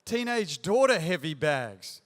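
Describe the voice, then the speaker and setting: A man's voice: on the high side, big pitch swings, measured pace. A man in his forties preaching a sermon, telling a story with self-deprecating humor and building to emphatic questions. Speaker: pastor. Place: large church auditorium. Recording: long hall reverb.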